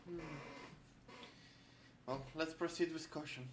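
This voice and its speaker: A man's voice: a little high, fairly even intonation, takes it slowly, noisy background. A man playing a tabletop game, speaking hesitantly and cautiously with frequent fillers. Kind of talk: in-character game banter.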